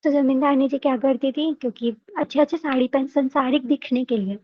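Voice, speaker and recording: A woman's voice: sits high, brisk, dry recording, dull audio. A woman telling a devotional story with emotive delivery, repeating phrases for effect.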